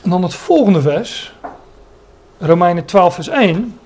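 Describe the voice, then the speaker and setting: A man's voice: sits high, expressive, unhurried, a little mellow. A man preaching a Bible sermon, often stopping to search for words and restate a phrase, and explaining the meanings of Greek words.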